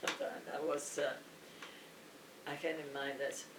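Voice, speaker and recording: Older Italian-accented woman, slow and roomy. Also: extremely low pitch. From Italy. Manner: animated, laughing, halting with restarts. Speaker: family storyteller. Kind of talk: casual family chat. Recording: roomy, distant, faint noise.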